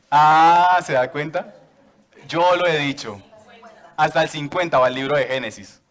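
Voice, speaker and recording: A man's voice: fairly high pitch, slow, pauses often. A man preaching a sermon to a church congregation, joking with them and asking for raised hands.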